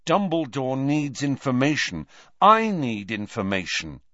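A man voicing a quiet, steady teenage boy who presses his point in a level voice, in a storybook reading. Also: medium pitch, unhurried, no room sound, muffled recording, pitched above the performer's own voice. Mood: firm.

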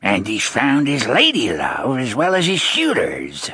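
A man's voice: medium pitch, huge pitch swings, unhurried, sharp tone, slightly rough, no room sound, studio quality, exaggerated voice. A man voicing a group of spiteful old nuns who mock and jeer. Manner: mocking, jeering.

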